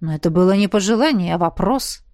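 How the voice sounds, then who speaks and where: A woman reading a calm, weary male dragon colonel with a dry, measured manner. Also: fairly low pitch, no echo. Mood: wry.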